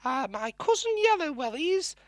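A woman's voice: sits high, very animated, moderate pace, no echo, clean studio sound. A woman playing an earnest, innocent little girl in a comic puppet show, childlike and matter-of-fact. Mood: earnest, chatty.

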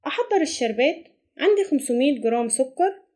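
Brisk high-voiced Egyptian woman. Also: lively intonation, warm tone. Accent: Egyptian Arabic. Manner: brisk step-by-step instructions. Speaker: cooking channel host. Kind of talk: recipe voice-over narration.

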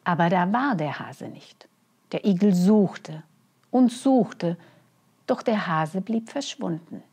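A woman storyteller reading a children's bedtime story, gently and expressively, with hushed phrase endings. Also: on the low side, expressive, slow, slightly rough.

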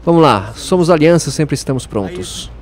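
Male let's play host, lively and taunting. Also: a little high, moderate pace. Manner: playful, taunting enemies, laughs often. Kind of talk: casual gameplay commentary.

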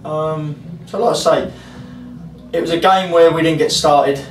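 Football manager, 40s, frank and rambling, distant mic in an echoey room. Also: male voice, on the high side, steady tone, a little slow, soft background music. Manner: frank, rambling, many fillers. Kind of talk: post-match interview. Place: club interview room, indoors. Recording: roomy echo, distant mic, faint hiss.

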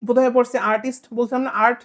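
A woman's voice: on the high side, flat delivery, fast. A woman with a Bangladeshi Bengali accent teaching an exam-prep vocabulary lesson, quizzing the listener with playful repetition and memory tricks.

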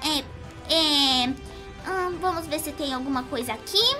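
A woman voicing a bubbly, excitable young female cartoon pony while giving squealy, exclamatory gameplay commentary. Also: high-pitched, takes it slowly. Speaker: gaming youtuber. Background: game music playing clearly.

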